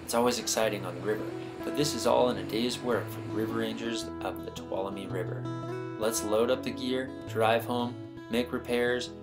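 A man's voice: mid-range voice, steady tone, normal speed. A man reading scripted promotional documentary narration as the narrator. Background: music with plucked guitar.

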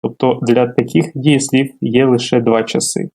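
A man, a language teacher, giving a formal, measured video lesson, reading out word pairs one by one. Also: medium pitch, steady tone, a little mellow. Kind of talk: video lesson on grammar terms.

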